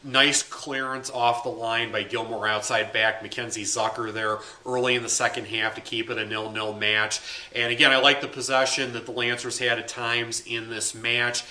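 A man in his thirties talks through a match analysis straight to camera, in a loose and conversational way. His voice has a very bright, sharp edge. It bounces around a small, echoey room. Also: mid-range voice, little pitch movement, moderate pace. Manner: conversational, uses fillers, gestures with hands. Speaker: high school sports beat writer. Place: small plain room indoors.

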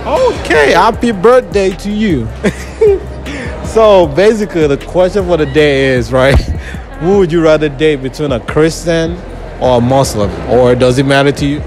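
A man's voice: on the high side, lively intonation, measured pace. Young male street interviewer, teasing, probing delivery, mall setting with music in the background. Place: indoor shopping mall. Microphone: handheld mic.

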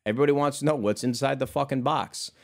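A man's voice: mid-range voice, fast talker, gravelly. Rambling, cursing streamer guy. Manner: rambling, profane, calls listeners brother. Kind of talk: casual chat.

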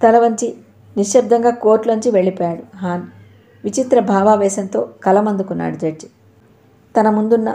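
Lady reading a novel out loud, mellow warm voice, middle pitch. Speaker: narrator. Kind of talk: audio novel narration.

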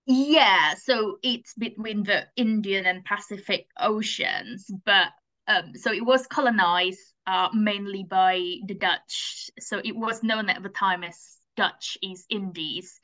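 A woman's voice: mid-range voice, slow, poor audio. A woman in her thirties from Indonesia, chatting animatedly as an interview guest over a video call from home. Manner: animated, gestures with her hands while explaining. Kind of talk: casual interview chat. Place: home room with bookshelves. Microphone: video call webcam.

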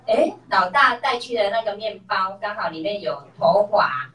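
A woman's voice: mid-range voice, normal speed, a bit bright, a little hiss or hum. A middle-aged woman shares a personal story with a class, acting out the voices of the people in it. She is heard from some distance across an echoey room. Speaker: class member sharing a story. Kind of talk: personal testimony.

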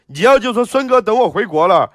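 A man's voice: high voice, very animated, brisk, dry recording, clean studio sound. Profane ranting Sichuan-accented man. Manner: reads viewer comments aloud. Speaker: livestreamer. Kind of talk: livestream chat.

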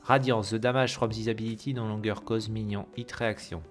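A man's voice: lowish voice, steady tone, moderate pace, faint music behind. A man hosting a gaming video, casually commenting on patch notes with many fillers and self-corrections, reading English terms with a heavy French accent.

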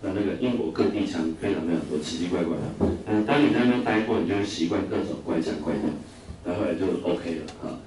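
A man's voice: deep voice, fast talker. A man from Taiwan teaching English vocabulary to a class, chatty, full of filler sounds and questions to the students. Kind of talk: classroom lecture with anecdotes. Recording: echoey classroom from a distant mic, noisy.

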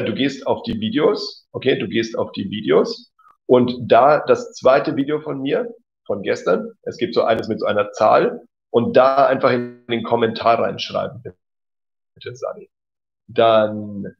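Reading chat messages during a live-stream German lesson, this man speaks at a medium pitch with vocal fry. He praises his viewers frequently in an encouraging way, dropping "genau" and "cool" again and again, over a dull lo-fi recording.

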